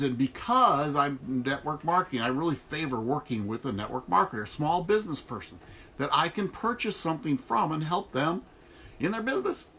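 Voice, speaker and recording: A man's voice: fairly high pitch, pushed and bright. A middle-aged man talking casually and emphatically in a folksy, motivational vlog, recorded inside an RV trailer. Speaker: online network marketer. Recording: noticeable background noise in a trailer.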